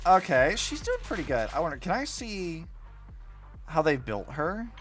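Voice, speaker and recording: Very animated, informal VTuber game commentary. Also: medium pitch, moderate pace, soft background music. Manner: informal, wry, thinking aloud. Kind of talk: casual gameplay commentary.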